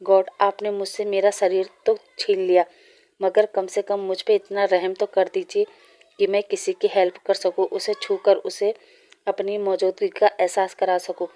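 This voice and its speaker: A woman's voice: medium pitch, little pitch movement, unhurried, warm tone, lightly acted. A woman reading as a lonely young ghost man. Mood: pleading. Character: lonely young male ghost, wistful and pleading.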